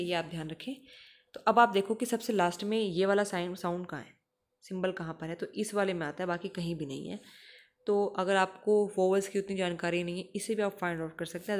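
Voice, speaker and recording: A woman teacher, explaining English phonetic symbols and patiently repeating example words slowly. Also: medium pitch.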